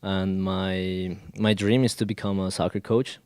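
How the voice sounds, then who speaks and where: A Colombian college student in his twenties, a Spanish speaker using English as a second language, is a guest in a casual interview. His deep voice is level, a little slow, slightly mellow, clear and resonant, captured dry with clean studio sound. He hesitates often, using fillers and restarting sentences.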